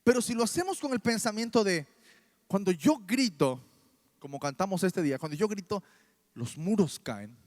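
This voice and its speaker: A man with a Mexican Spanish accent preaching a sermon in church, animated and full of rhetorical questions. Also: high-pitched.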